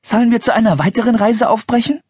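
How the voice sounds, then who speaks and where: A man voicing an eager, cheerful young girl in a storybook audiobook, his voice raised high and bubbly. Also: quick pace, darkish tone, husky, dry recording, studio quality.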